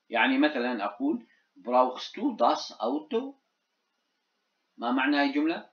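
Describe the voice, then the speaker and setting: A man teaching a German grammar lesson, often checking in with a quick "ha?" and saying the example sentences slowly. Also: medium pitch. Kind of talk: explaining grammar exercises. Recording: dull echoey room.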